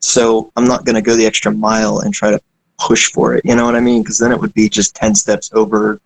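In casual conversation, a young man who makes indie games talks a little fast in a fairly low, gravelly, flat voice. He rambles, pokes fun at himself, and fills his speech with fillers and asides; the recording is rough.

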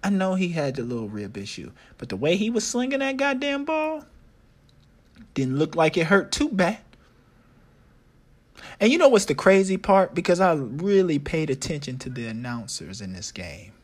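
A podcast host ranting about his team in a loose, casual way. This man swears freely and circles back to repeat his points. His pitch swings widely from low grumbles to high excited bursts. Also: moderate pace. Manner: excitable, profane, repeats himself. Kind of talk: casual sports podcast rant.

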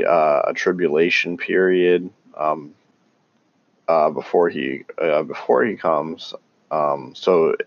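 A man talking casually and haltingly about scripture, with many pauses and restarts. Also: low-pitched, creaky, highs cut off. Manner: calls himself tongue-tied. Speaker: religious commentator. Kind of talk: casual unscripted talk on scripture.

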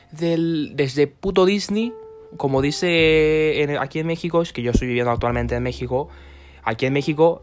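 A man giving a sarcastic comic rant to camera, swearing constantly and rambling off on tangents. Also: fairly high pitch. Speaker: vlogger.

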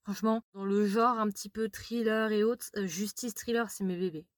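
A woman hosting a casual chat, talking in a gushing, animated way. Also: medium pitch, no room sound, studio quality. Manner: animated and gushing, quick talk. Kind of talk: casual chat about TV dramas.

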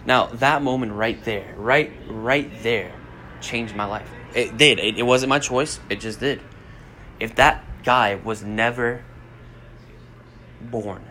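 Bright-voiced man giving blunt pep talk. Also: mid-range voice, slight background noise. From United States. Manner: blunt, swears freely, rambling. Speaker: podcast host. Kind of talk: casual motivational monologue.

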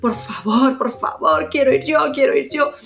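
A woman's voice: on the high side, a little slow. A woman voicing a tiny, eager boy the size of a chickpea in a storybook podcast, pleading and calling out. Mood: whining. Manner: pleading, excited, shouting.

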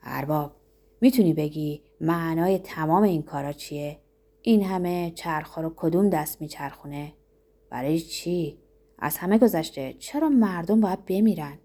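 A woman reader voicing Zorba, a passionate, restless grown man who demands answers in a lowered, fervent voice, for an audiobook. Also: animated, darkish tone.

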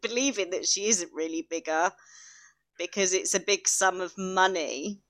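A woman's voice: lowish voice, moderate pace, a bit bright. A woman in her thirties from Britain with a British accent, co-hosting a podcast and chatting with frequent laughter. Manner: chatty, laughs often, acts out quotes. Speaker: podcast co-host. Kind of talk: casual podcast chat.

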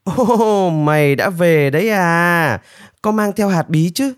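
A greedy, boastful storybook man, whining and crowing in a high, shrill sing-song that leaps all over the place, as a male narrator puts him on. The sound is dry and close, with no room around it. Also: very animated, slow pace, no echo. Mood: gleeful. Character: greedy boastful middle-aged man, whiny coward. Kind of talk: storybook character voice.

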